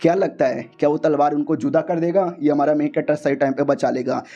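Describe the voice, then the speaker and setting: High-voiced man doing slangy recap narration. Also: steady tone, brisk, dark tone, lo-fi sound. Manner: slangy, joking. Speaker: story narrator. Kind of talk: casual comic recap narration.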